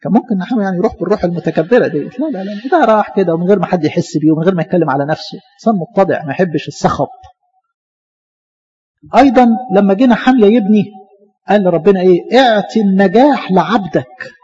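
A man with an Egyptian accent preaches quickly in a fairly high voice. He keeps asking rhetorical questions and briefly acts out what others say. The recording is slightly dull and lo-fi. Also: dark tone. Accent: Egyptian Arabic. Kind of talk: sermon.

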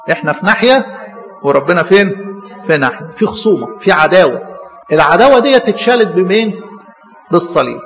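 Fast gravelly Egyptian preacher in a hall. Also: male voice, on the high side, fairly bright tone. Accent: Egyptian Arabic. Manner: asks the congregation questions and answers them himself. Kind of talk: call-and-response Bible sermon. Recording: muffled hall recording with long echo.

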